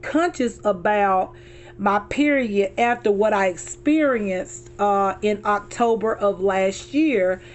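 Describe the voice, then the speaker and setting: A middle-aged vlogger with a hoarse, mid-range voice talks slowly and casually to her viewers from her car. She calls them y'all and repeats herself as she goes.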